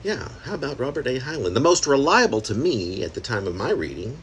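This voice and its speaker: A man's voice: medium pitch, big pitch swings, fairly quick, slight background noise. A man reading his own experimental prose poem aloud in a conversational, wry manner, slipping in asides and rhetorical questions. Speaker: poet reading own work.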